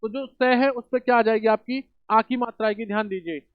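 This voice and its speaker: A man's voice: sits high, fairly even intonation, a little fast, no room sound. A man teaching a spelling lesson for exam prep, asking rhetorical questions and answering them himself, calling students children and brothers. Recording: dull dry home recording.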